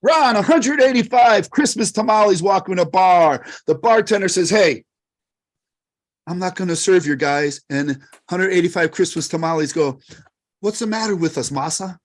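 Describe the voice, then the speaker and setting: A man with a high voice delivering setup-and-punchline jokes in a live improv game. His telling is steady and even. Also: normal speed. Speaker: improv performer.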